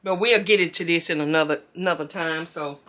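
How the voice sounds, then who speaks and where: Brisk and lowish in pitch, a middle-aged woman's voice fills a casual tidying session in her bedroom beauty room. As a beauty vlogger, she chats in a relaxed way to viewers she calls "y'all," captured on a roving camera mic.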